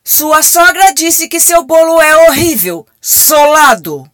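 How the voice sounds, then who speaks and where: Woman playing a high-pitched, breezy female AI phone assistant. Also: big pitch swings, slow pace, fairly bright tone, dry recording, full character voice. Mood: cheeky. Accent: Brazilian. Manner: breezy, slangy, scripted assistant patter. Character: slangy, cheeky female AI telemarketing assistant. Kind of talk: radio comedy sketch acting.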